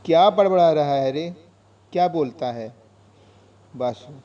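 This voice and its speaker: A man voicing an elderly mother who teases and scolds with affection, in a slow storytelling reading. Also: on the high side, mellow, dull audio, pitched above the performer's own voice, close to an everyday voice. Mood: fondly scolding. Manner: scolding fondly.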